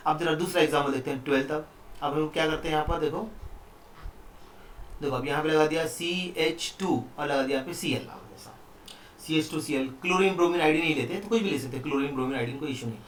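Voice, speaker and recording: A man's voice: fairly high pitch, quick pace, a bit bright, a little hiss or hum. Man teaching chemistry in an echoey room. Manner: explains step by step, often asks the students questions. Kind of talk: online chemistry lesson. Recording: echoey room, mic at a distance.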